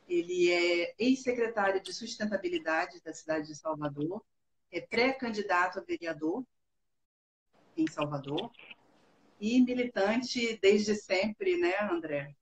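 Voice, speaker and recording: A woman's voice: on the low side, roomy sound, slight background noise. A woman hosting an interview, friendly, often ending with tag questions. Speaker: host.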